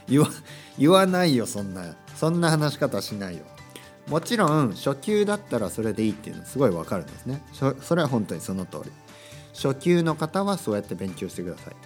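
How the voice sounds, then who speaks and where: A man's voice: medium pitch, sing-song, a little fast, faint music behind. A man hosting a casual solo podcast for learners. He thinks aloud and tags his sentences with little asides. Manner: thinks aloud, adds frequent tag words to sentences; acts out short sample dialogues in a livelier voice. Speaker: podcast host for Japanese learners.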